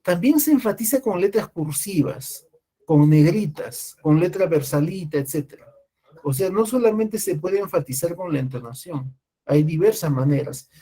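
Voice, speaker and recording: A man's voice: fairly high pitch, animated, moderate pace, warm tone, breathy edge. A man teaching a class, explaining step by step and constantly checking in with his listeners. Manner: explains with frequent "¿no?" and "¿ya?" checks, restarts. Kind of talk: classroom lecture.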